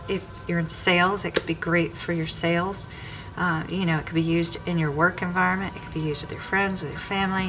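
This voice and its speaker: A woman with a lowish voice gives a weekly tarot reading with background noise and clear music playing under her voice. She addresses viewers directly by star sign and circles back over her phrases.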